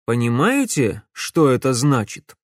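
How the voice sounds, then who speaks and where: A man's voice: mid-range voice, very animated, a little slow, dry recording, clean studio sound. A man voicing a determined male police chief laying out evidence in an audiobook. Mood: firm.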